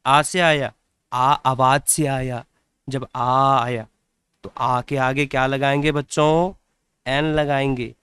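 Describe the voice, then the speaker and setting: A man's voice: medium pitch, steady tone, slow, a bit bright, smooth, no echo. A man teaching an English grammar lesson to children, repeating words and asking them questions.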